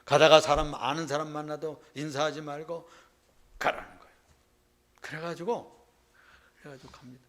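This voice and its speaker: A male pastor delivering a sermon, retelling a story dramatically and often turning to the congregation with quick questions. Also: on the high side, fairly even intonation, fairly bright tone.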